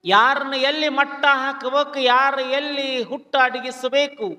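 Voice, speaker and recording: A man's voice: very high-pitched, little pitch movement, unhurried, sharp tone. A man, preaching and telling a devotional story in a declamatory style that piles up epithets. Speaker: religious storyteller. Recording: long hall reverb.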